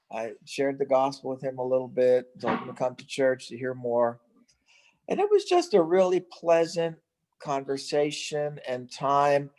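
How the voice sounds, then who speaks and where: A middle-aged man who works as a missionary and evangelist, telling a story in a relaxed chat. His voice sits at an ordinary pitch, and he often stops, restarts and fills gaps with "uh" as he goes. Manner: storytelling, halting with restarts and fillers. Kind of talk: casual chat.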